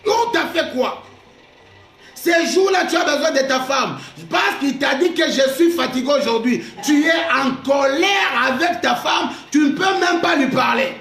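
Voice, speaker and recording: A male pastor preaching a sermon, shouting his points and repeating them, in an echoey hall with faint music behind him. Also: very high-pitched, lively intonation, normal speed, few pauses. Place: church hall.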